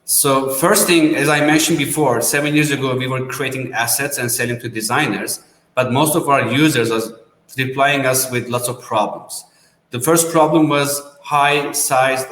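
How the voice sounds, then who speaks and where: A man from Turkey pitching his design startup, speaking at a middling pitch with plenty of self-corrections and slightly non-native phrasing. The sound is roomy, with a long reverb trailing each phrase. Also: fairly even intonation, normal speed, a bit bright. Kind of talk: business pitch.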